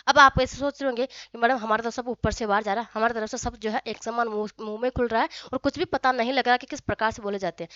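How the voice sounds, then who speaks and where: A woman teacher giving a grammar lesson, often quizzing her students and sounding out vowels slowly. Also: fairly high pitch, a bit bright, no echo, dull audio. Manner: frequent questions to students, addresses them as friends.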